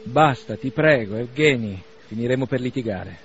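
Guy doing an earnest touchy young man, gets loud and heated, dull old radio sound. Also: mid-range voice, animated, fairly quick, a little hiss or hum, voice pushed up, lightly acted. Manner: heated, raised voice. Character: earnest idealistic young man, quick to take offense. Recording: slightly dull radio recording.

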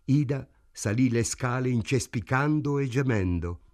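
A man reading a novel aloud in a measured, even way. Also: medium pitch. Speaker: narrator. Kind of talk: audiobook narration.

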